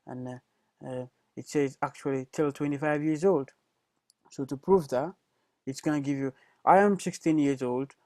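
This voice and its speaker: A man's voice: mid-range voice, a little mellow, no room sound. A young man giving a casual programming tutorial over a screencast, hesitant, with many fillers and self-corrections.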